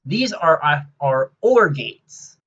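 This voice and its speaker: A man giving casual gameplay commentary, rambling and excitable as he explains his build, with many filler sounds. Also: a little high, takes it slowly, breathy edge, lo-fi sound.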